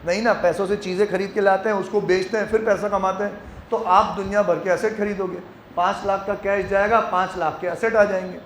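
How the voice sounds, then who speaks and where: A male accounting teacher giving a classroom lecture, leading his students in loud call-and-response chants. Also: high voice, fairly even intonation, fairly quick, a little hiss or hum. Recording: echoey classroom with faint ambience.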